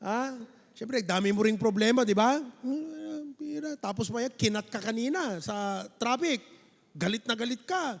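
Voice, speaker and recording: A man with a Filipino accent, preaching a sermon in a lively, playful way and mixing languages. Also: high-pitched, moderate pace, long reverb tail. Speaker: pastor.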